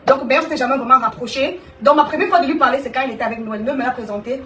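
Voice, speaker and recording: A woman speaking live to her viewers, animated and teasing, addressing them directly. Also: high voice, rapid-fire, echoey room, recorded from a distance, slight background noise. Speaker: live streamer. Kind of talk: live stream monologue to viewers.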